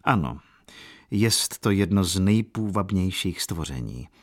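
A man reading aloud and voicing a calm, worldly count who speaks in a measured, grave way. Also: low voice.

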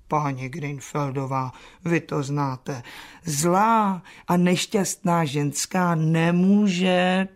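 An actress playing a put-upon old spinster housekeeper who grumbles dryly in a chatty radio play. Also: female voice, medium pitch, vocal fry, husky. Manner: dry, chatty complaining with soft asides.

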